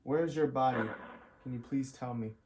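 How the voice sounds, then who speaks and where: A man hosting a spirit box session, asking short, earnest questions gently and pausing between them. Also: mid-range voice, noisy background. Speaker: host, paranormal investigator. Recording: echoey room with music behind.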